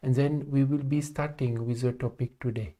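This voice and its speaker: Man, live stream host, calm and halting, frequent pauses, warm dark tone. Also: mid-range voice. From France. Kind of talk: live stream talk to viewers.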